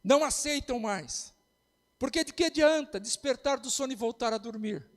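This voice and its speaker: A man's voice: extremely high pitch, lively intonation, moderate pace, big-room sound. A man with a Brazilian Portuguese accent preaching an impassioned sermon as pastor.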